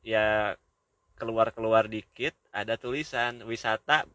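A man co-hosting a podcast, telling stories in relaxed casual chat, swearing now and then. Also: lowish voice, a little slow, no echo. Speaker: podcast co-host.

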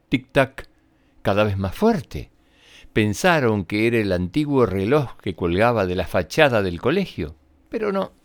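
Male children's storyteller, unhurried and highly expressive, low register, slightly roomy sound with soft music. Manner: expressive, addressing young children. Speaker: children's storyteller and show host. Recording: roomy echo, music behind.

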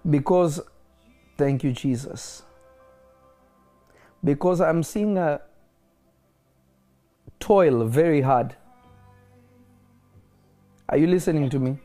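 A man speaks in a declaring prophetic manner, with a somewhat high pitch and a warm, relaxed timbre. He keeps pressing whether the listener is following. Faint music plays beneath his words. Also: slow pace, long pauses. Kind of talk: prophetic ministry over a phone call.

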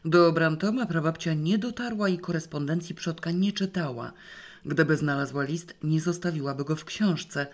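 A woman reading a first-person novel aloud in a wry, lively storytelling manner. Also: low voice, normal speed. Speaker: audiobook reader. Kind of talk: first-person literary narration.

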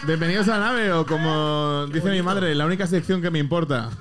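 A man hosting a comedy show segment, joking in quick interjections. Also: fairly high pitch, crowd noise. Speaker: section host.

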